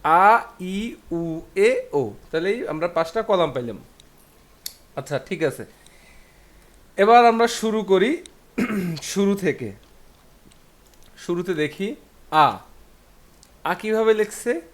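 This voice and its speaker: A man, sitting higher than most men, teaches a beginner language class. He takes his time, drilling each syllable and answering his own questions. His delivery is patient and repetitive. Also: animated, takes it slowly, long pauses. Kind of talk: classroom lesson.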